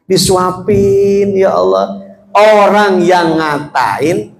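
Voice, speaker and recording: A man preaching a jokey, storytelling sermon in a mosque, swinging between soft words and shouts. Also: high-pitched, drawn-out words, creaky, slight background noise.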